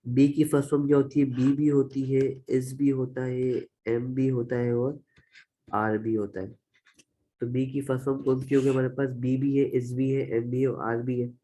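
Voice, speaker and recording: Male grammar teacher with a Pakistani accent, even-pitched and warm-toned, patient step-by-step explainer. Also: normal speed, a little hiss or hum, rough recording. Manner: explains step by step, repeats examples. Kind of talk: classroom-style grammar lecture.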